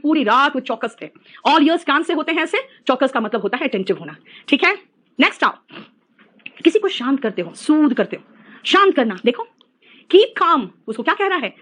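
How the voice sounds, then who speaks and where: A woman's voice: sits high, a bit bright. A middle-aged woman teaching an English class online, teasing her students and mixing English phrases into her talk.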